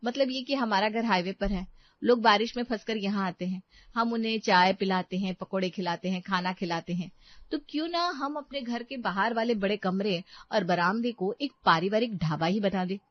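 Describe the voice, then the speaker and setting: A woman voicing a sharp-tongued young daughter-in-law who complains with indignation. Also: mid-range voice, normal speed, dry recording, pitched below the performer's own voice, lightly acted. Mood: persuasive. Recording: dry, slightly dull sound.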